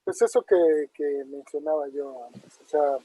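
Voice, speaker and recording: Answering questions from the audience at an informal academic talk, a man thinks out loud, leaning on fillers and tag questions. He speaks at a measured pace in a warm, slightly rough, higher-pitched voice; there's no echo, but the online recording is muffled and dull.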